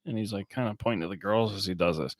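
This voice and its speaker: A man's voice: fairly low pitch, fast, no room sound. A man, co-hosting a podcast, recapping a movie in a rambling, laid-back way with frequent laughs. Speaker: podcast co-host. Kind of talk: casual movie-recap chat. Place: small warm room, under a heater.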